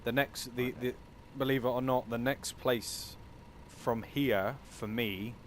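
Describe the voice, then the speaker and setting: Chatting over a game he's livestreaming, a Cornish man from southwest England speaks slowly in a medium pitch with fairly even intonation. His talk is easygoing and rambling, and vehicle noise is clearly audible in the background.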